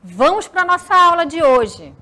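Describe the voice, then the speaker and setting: A woman from the region of Brazil, a teacher giving a recorded school lesson, talking slowly and deliberately and drawing out words for her students. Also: very high voice, very animated, sharp tone.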